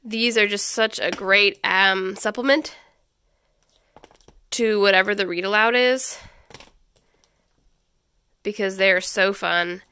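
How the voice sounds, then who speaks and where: A woman in her thirties with a stuffy head cold hosts a homeschool channel, giving a casual walkthrough of children's books indoors in a small home schoolroom. Chatty and full of ums and restarts, she speaks slowly with frequent pauses in a medium-pitched voice that's bright, forceful, and smooth.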